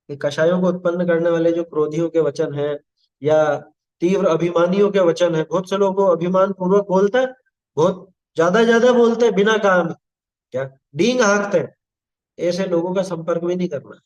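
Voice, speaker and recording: A high-pitched man delivers a religious talk on scripture. He scolds gently, slows down over listed phrases, and keeps checking with rhetorical questions whether his listeners follow. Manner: admonishing, asks rhetorical questions. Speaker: Jain scripture teacher. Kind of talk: religious discourse.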